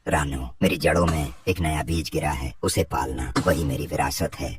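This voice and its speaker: A man voicing an ancient, gentle, fatherly mango tree spirit in a cartoon, speaking solemnly and tenderly. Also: a bass voice, moderate pace. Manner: solemn, tender farewell speech. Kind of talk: cartoon voice acting. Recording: distant voice with heavy background noise.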